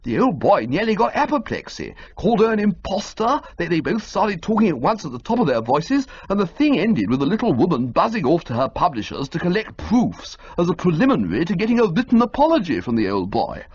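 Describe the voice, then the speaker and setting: A woman voicing an excitable, flustered young gentleman who rushes out agitated exclamations. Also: lowish voice, husky, pitched above the performer's own voice. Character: flustered young man-about-town, excitable and dramatic. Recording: dull lo-fi recording.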